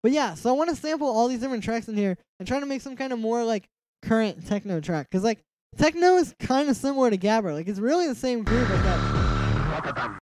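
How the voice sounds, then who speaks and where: A young man streams casual music production from a small room at home, his nasal voice very high and his pace brisk. He rambles in a relaxed way, full of "like" fillers, and mumbles asides to himself.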